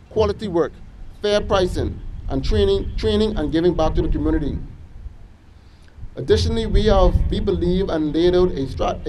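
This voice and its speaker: A young man with a Bahamian accent giving an earnest motivational speech to students at a school assembly, measured and list-like with small restarts. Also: sits high, warm tone, slight background noise, rough recording. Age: young adult.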